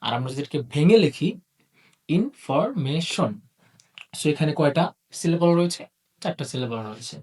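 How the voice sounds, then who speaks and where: An English teacher giving an online video lesson, posing questions to the class and answering them, and drawing out example words slowly. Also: mid-range voice, a little mellow, far from the mic. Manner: drawls target words slowly.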